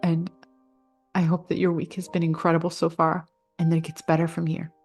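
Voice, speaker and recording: Woman vlogger, low-ish voice, earnest and effusive, casual chat with faint music. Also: completely flat delivery, a little fast, darkish tone, breathy edge. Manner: earnest, gushing, many fillers. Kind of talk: casual heartfelt vlog talk.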